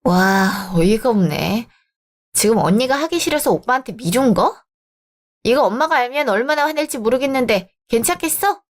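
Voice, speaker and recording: A woman's voice: on the high side, expressive, normal speed, lightly acted. A woman voicing a spoiled, sulky young sister-in-law who whines childishly. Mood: indignant.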